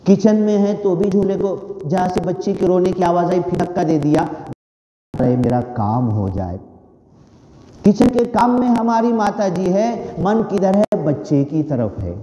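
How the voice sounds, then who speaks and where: A slow, earnest man's voice delivering a devotional sermon, high-pitched and mellow. He repeats his phrases with growing fervour. The sound is dull, with the long reverb of a large hall. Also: a little hiss or hum. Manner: earnest, repetitive, fervent. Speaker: preacher. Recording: dull, echoey hall recording.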